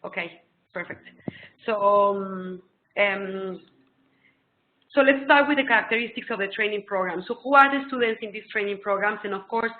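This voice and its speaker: Speaking English with a clear Mexican Spanish accent, a middle-aged woman gives an excitable, explanatory webinar from a small room, peppered with ums. Her mid-range voice moves at a moderate pace. It's captured over a laptop webcam call, so the sound is thin, phone-like and roomy with echo.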